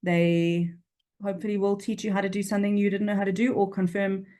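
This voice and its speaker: In this casual video-call interview, the Durban-accented freelance copywriter, a woman in her forties, speaks frankly. Her mid-range voice is warm with a flat, brisk delivery, and she keeps restarting her sentences.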